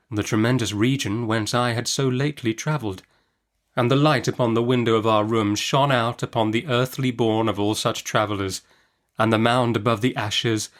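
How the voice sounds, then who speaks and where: A man with a medium-pitched voice narrates a classic novel as an audiobook, reading in an expressive, literary storytelling style.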